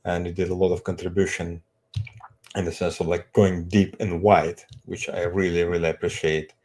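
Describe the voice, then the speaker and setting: Deep-voiced man with an Azerbaijani accent. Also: flat delivery, darkish tone. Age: middle-aged. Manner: halting, non-native English phrasing. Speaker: street evangelist, co-presenter. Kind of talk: conversational personal introduction.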